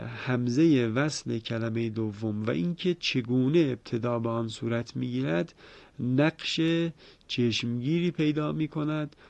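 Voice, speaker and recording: A man teaching the rules of Quran recitation in a formal lecture, explaining at a measured pace and slowing down to recite examples. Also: mid-range voice, vocal fry, a little mellow, dry recording. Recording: dull dry lo-fi recording.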